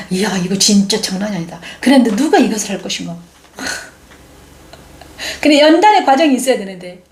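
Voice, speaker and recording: A middle-aged woman giving an emphatic, animated sermon testimony, acting out quotes as she tells her story. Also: mid-range voice, reverberant.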